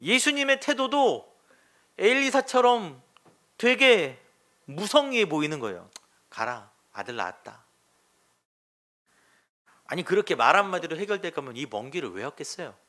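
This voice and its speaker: A male pastor preaches in a church in a frank, colloquial way, often asking his listeners questions. His voice is bright and keen and sits somewhat high for a man, with a lively, swinging pitch. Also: moderate pace. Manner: conversational, asks the congregation questions. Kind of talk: Sunday sermon.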